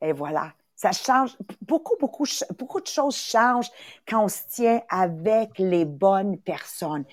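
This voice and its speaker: A woman's voice: medium pitch, animated, unhurried, no room sound, studio quality. A woman hosting a motivational podcast, upbeat, repeating words for emphasis and slipping into English. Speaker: podcast host and coach. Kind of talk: motivational live talk.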